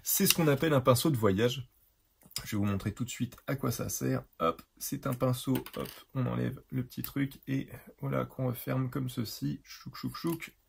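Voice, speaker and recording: A man's voice: mid-range voice, fairly even intonation, moderate pace, vocal fry, a little hiss or hum. A tired man chatting casually on his video channel, rambling with lots of fillers, restarts and little digressions. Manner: rambling, self-correcting, many fillers and digressions. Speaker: art supplies reviewer. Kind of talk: casual chat to camera.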